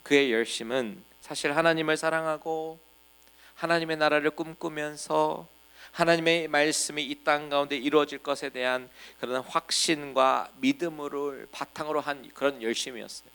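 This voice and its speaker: A man's voice: fairly high pitch, steady tone, moderate pace, vocal fry, a bit bright, clean tone. A middle-aged male pastor from Korea preaching a sermon in a folksy storytelling way, acting out little scenes. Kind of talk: expository sermon.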